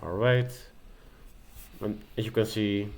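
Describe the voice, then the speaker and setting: In a casual screen-recording tutorial, a low-voiced tech host speaks slowly and steadily. He's a native Dutch speaker who comes across as nervous and hesitant, with lots of fillers and restarts.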